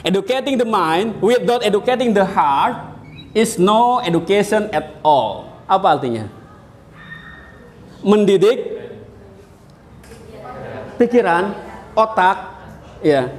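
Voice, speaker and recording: A man from Indonesia, a university lecturer, giving a classroom lecture in an animated storytelling manner, asking his students questions. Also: high voice, slow, pauses often. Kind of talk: classroom lecture with jokes and anecdotes.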